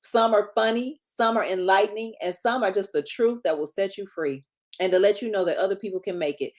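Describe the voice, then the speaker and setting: A woman in her fifties, a marriage and relationship coach, talking casually and in a lively way on a live stream. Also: a little high. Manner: lively, chatty, self-deprecating asides.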